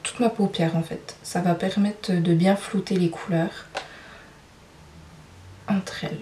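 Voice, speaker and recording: A woman's voice: fairly low pitch, steady tone, slow pace, dark tone, a little hiss or hum. Chatty French woman in a roomy space. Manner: chatty, hesitant with frequent fillers. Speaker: beauty vlogger. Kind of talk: makeup tutorial narration. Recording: roomy sound, mic at a distance.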